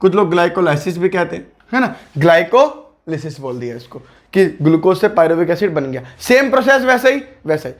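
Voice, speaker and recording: A man's voice: high voice, sing-song, brisk, few pauses. A young man teaching biology for exam prep, friendly and coaxing. He repeats key terms and asks and answers his own questions.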